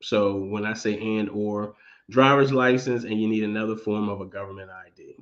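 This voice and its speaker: Lo-fi low-voiced man explaining home loans. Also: fairly even intonation, normal speed. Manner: conversational, explanatory, with frequent fillers. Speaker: mortgage lender. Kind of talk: live stream talk.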